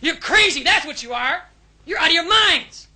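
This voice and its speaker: An actor playing a frantic captured American soldier with an American accent, shouting in panic from off at a distance. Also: male voice, very high-pitched, expressive, slow, exaggerated voice. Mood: panicked shouting.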